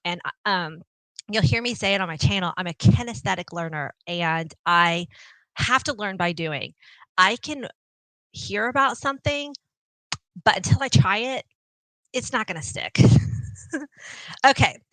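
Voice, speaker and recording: A woman's voice: mid-range voice, normal speed, sharp tone, dry recording, poor audio. A woman from Texas with a Texan accent, hosting a live question-and-answer chat with viewers of her cooking channel in a bubbly, chatty way, often laughing. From Texas, USA. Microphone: small clip-on mic.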